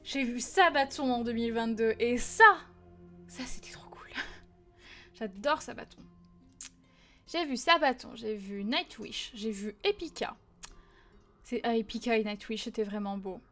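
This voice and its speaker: High-voiced chatty woman streamer. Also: normal speed, soft background music. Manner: chatty, animated, frequent fillers and laughs. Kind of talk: casual live-stream chat reading viewer messages.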